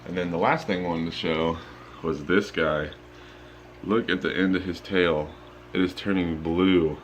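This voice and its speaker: Slightly slow and low-voiced, a drowsy young man who just woke up shows his fish tanks in a casual vlog. He holds a phone camera while he rambles, ums a lot, and stays relaxed, with slight background noise around him.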